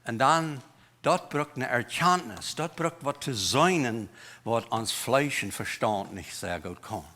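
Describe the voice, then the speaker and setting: A man preaching a sermon in a church, with a Low German accent, mixing German and English words into his talk in an emphatic way. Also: expressive, takes it slowly, pushed and bright. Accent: Mennonite Low German.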